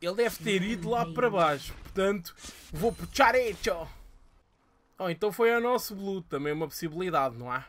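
Young Portuguese man, gameplay commentary; high, bright voice, excitable, swears and yelps. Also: normal speed. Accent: European Portuguese. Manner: excitable, swearing, shouting outbursts. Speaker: gamer.

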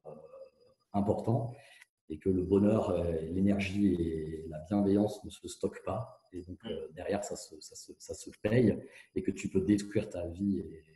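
A man speaking candidly as an interview guest, with fast, tumbling speech full of hesitations and restarts, heard through a hands-free kit. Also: low voice, mellow. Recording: echoey, muffled hands-free phone sound.

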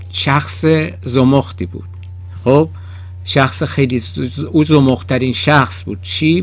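Male teacher, gravelly, dry close sound; walks through song lyrics slowly and patiently. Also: mid-range voice, no echo. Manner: explains slowly, repeats lyrics word by word. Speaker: English teacher. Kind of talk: song-based language lesson.

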